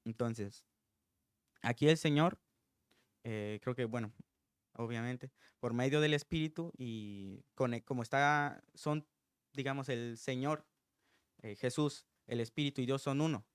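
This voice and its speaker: A man's voice: medium pitch, measured pace, pauses often, clean tone, no echo, studio quality. Male preacher, informal sermon, earnest and reflective, resonant voice. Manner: earnest, thinking aloud.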